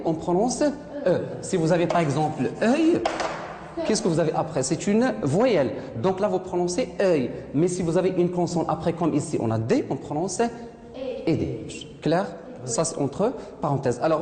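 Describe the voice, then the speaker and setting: A woman's voice: on the low side, sing-song, fairly quick, few pauses. A woman teaching a French lesson to a class, asking questions, repeating students' answers and correcting their pronunciation. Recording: echoey classroom with loud noise.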